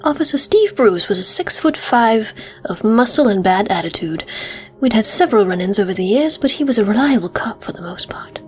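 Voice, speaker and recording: Woman putting on a measured, lowered male detective voice. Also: expressive, soft background music, natural voice. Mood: measured, observant. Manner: measured, deliberate storytelling in a put-on detective voice. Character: composed male police detective narrating his case. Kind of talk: reading video game text in character.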